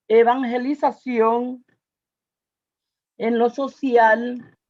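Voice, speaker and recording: An older woman with a Salvadoran Spanish accent and a medium-pitched voice offers a personal testimony to an audience. She speaks earnestly but haltingly, with searching pauses and repetitions, and the recording sounds muffled.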